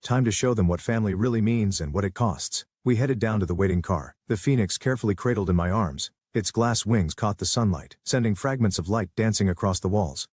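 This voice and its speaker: A man reading a first-person story in a steady scripted narration. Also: fairly low pitch, slightly rough, no room sound, studio quality.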